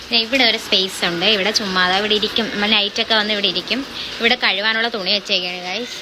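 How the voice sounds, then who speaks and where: A young woman gives a chatty home-tour vlog, speaking at an average pitch and calling out to her viewers. The phone audio carries clear background noise. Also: fairly even intonation, fast talker. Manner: chatty, keeps addressing viewers as guys. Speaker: vlogger giving a home tour. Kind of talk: casual home-tour narration.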